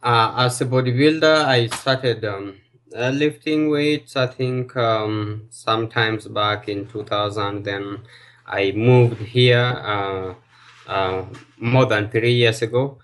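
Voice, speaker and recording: A man from Kenya, a guest in a casual interview, speaking hesitantly with many fillers and pauses. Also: lowish voice, fairly bright tone. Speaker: guest bodybuilder and personal trainer.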